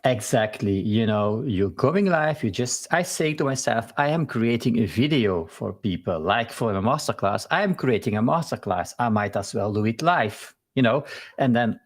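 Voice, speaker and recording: A man with a Belgian accent hosts a live stream interview over a video call. His voice is husky and breathy. He talks in a halting, friendly way, restarting and filling his sentences. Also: mid-range voice, animated. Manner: halting, with many fillers and restarts.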